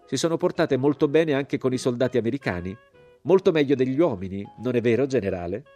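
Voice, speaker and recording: A man's voice: mid-range voice, big pitch swings, normal speed, a little mellow, faint music behind, voice pushed up. A man reading as a haughty, moralizing older American society woman, cold and indignant.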